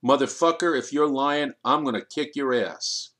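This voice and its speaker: A male narrator puts on an aggressive music executive who talks crude and combative. The reading is an audiobook. The pitch stays in an ordinary middle range. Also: normal speed, a bit bright, natural voice.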